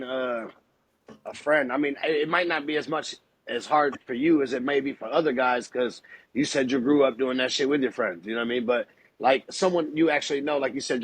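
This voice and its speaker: A man's voice: medium pitch, brisk, slightly rough, low-quality recording. A man hosting a casual chat, asking questions in laid-back, slangy, hyped-up talk. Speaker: podcast host interviewer.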